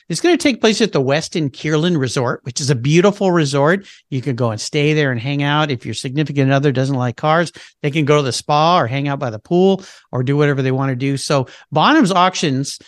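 A man's voice: on the high side, no echo, clean studio sound. A man talking casually and with enthusiasm in a radio interview, using plenty of fillers. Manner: chatty and enthusiastic, with many fillers. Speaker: car show host and guest expert.

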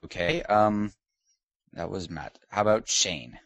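Heavily acted and slow, this man's low voice is creaky and a bit bright. He plays a pompous British lord hosting a comedic podcast interview, using a put-on British accent and a haughty, mock-posh, teasing manner.

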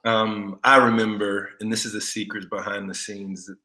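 A former football player from Texas in his forties guests on a podcast, easygoing and laughing through a casual interview chat. His voice sits on the low side, sharp in tone, with a flat delivery at normal speed.

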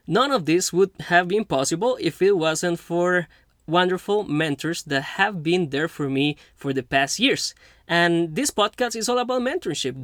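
A man's voice: fairly high pitch, fairly bright tone, no room sound, clean studio sound. Earnest young man from Costa Rica. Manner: earnest, halting with restarts. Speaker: podcast host. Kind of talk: casual interview chat.

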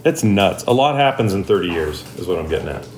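A man's voice: low voice, very animated, quick pace. A middle-aged American man co-hosting a casual podcast, joking and teasing, in an echoey kitchen. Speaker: podcast co-host. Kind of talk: casual chat. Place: home kitchen. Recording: echoey kitchen with background noise.

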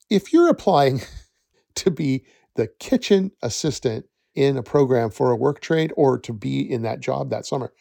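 A man speaks in a relaxed, mellow voice with a gravelly edge as he hosts a podcast and gives casual career advice. He rambles in a friendly, conversational way, often catching and correcting himself partway through a thought. The close, dry recording has no room sound. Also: mid-range voice, no room sound. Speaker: nature program director, podcast host.

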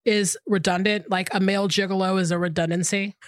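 A woman's voice: mid-range voice, steady tone, brisk, dry recording, studio quality. A woman co-hosting a film podcast, chatting informally and checking in with the listener. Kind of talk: casual conversational film discussion.

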